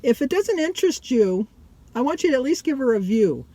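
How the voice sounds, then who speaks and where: A woman's voice: sits high, big pitch swings, brisk, warm tone, no room sound. A middle-aged or older woman vlogger chatting casually to her viewers, rambling and often breaking off mid-sentence.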